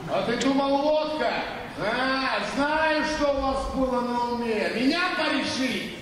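An actor playing a loud, panicky, rowdy bridegroom in a stage operetta, exclaiming theatrically. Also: male voice, very high-pitched, a little slow. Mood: belligerent. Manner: shouting, exclamatory. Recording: echoey noisy theatre from far off.

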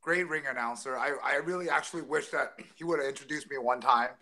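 A Taiwanese man in his forties, a former fighter, tells stories as a guest in a casual video-call interview, rambling with lots of restarts and fillers. His mid-range voice is sharp and he talks fast. The webcam picks him up close in a home room with a framed jersey.

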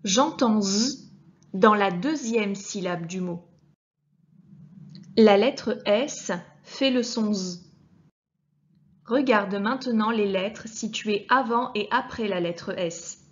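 A woman teacher giving a clear reading lesson to young children, speaking to the child directly and sounding out each letter with care. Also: mid-range voice, lo-fi sound. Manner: patient, addresses the child directly, deliberately articulated sounds. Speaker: primary school teacher.

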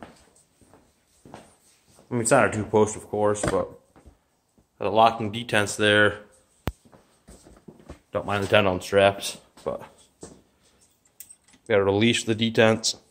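Guy with a lowish voice rambling about his new garage toy, filmed on a phone. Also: level tone, slow, long pauses, fairly bright tone, a little hiss or hum. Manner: offhand, rambling, with fillers. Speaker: vlogger. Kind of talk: casual walkthrough vlog. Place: garage and yard, partly outdoors. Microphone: phone held while filming.

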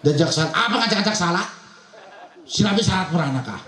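High-voiced joking preacher, Serang Javanese accent. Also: male voice, animated, fast, a crowd in the background. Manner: jokey, laughing, acts out villagers. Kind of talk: comic sermon. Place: wedding gathering. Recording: echoey event sound system.

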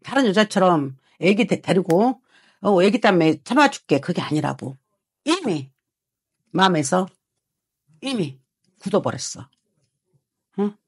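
Woman fortune teller, scolding and swearing, animated swings in pitch, dry room. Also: husky, dry recording. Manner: harsh scolding with swearing and repeated rhetorical prods. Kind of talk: heated consultation with a client.

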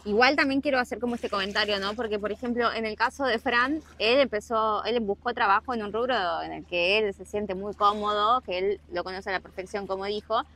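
With hardly any pauses, a young Argentine woman vlogs outdoors, first on rocks by the sea and then at a harbor, chatting casually about working abroad and scattering asides. She speaks Rioplatense Spanish in a mid-range, fairly bright voice, a little fast.

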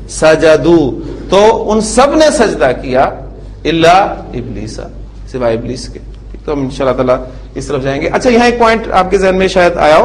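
A man giving a classroom Arabic grammar lecture. He drills word forms slowly, syllable by syllable, and keeps asking the class checking questions. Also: fairly high pitch, poor audio.

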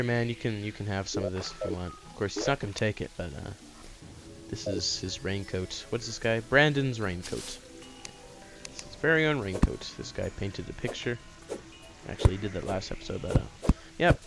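A man with a fairly low voice gives casual, chatty commentary while he plays. He rambles and restarts his sentences as he goes. Loud game music plays under him the whole time. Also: moderate pace, gravelly. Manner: rambling, chatty, self-correcting. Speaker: gaming channel host.

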